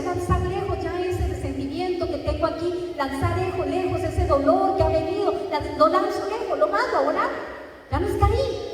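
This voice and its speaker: High-voiced woman preaching in echoey hall. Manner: emphatic, repeats key words. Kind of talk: sermon. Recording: echoey hall, distant mic, faint noise.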